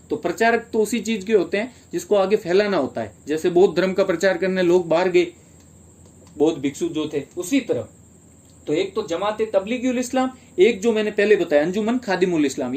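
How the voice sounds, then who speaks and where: A man's voice: high voice, a little mellow. A man teaching a history lesson for exam prep in Hindi, explaining step by step and asking and answering his own questions.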